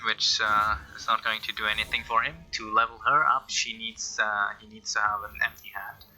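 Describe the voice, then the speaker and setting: A man's voice: lowish voice, little pitch movement, normal speed, bright, forceful tone, faint music behind, rough recording. A man giving casual game commentary, thinking aloud in a hesitant way. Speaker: gameplay commentator.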